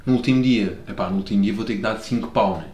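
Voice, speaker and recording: A man's voice: on the low side, fast talker, darkish tone, reverberant. A young man from Lisbon with a Lisbon Portuguese accent, chatting on his own podcast in a rambling, slangy, self-deprecating way and swearing freely. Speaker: podcast host. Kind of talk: casual solo podcast monologue. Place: room at home by a window.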